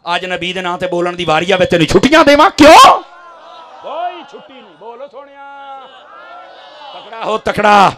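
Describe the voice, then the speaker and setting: A man with a Punjabi accent preaching a fiery sermon to a gathering, swinging from low asides to shouted, impassioned climaxes.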